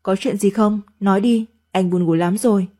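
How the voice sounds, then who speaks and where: A woman's voice: mid-range voice, fairly even intonation, moderate pace, dark tone, natural voice. Woman reading as a weary married man.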